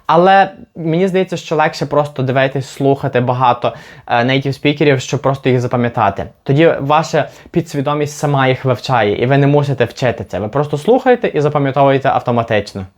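A man from Ukraine teaching an English lesson, patiently repeating example words slowly to demonstrate them. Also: mid-range voice, animated. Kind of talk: language lesson.

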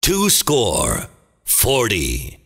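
A man playing a booming, dramatic movie trailer announcer, calling bingo in short theatrical phrases with a gravelly voice. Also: huge pitch swings, fairly bright tone, exaggerated voice. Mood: dramatic, portentous. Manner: theatrical, deliberate, clipped phrases. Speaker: bingo caller. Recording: long booming reverb.

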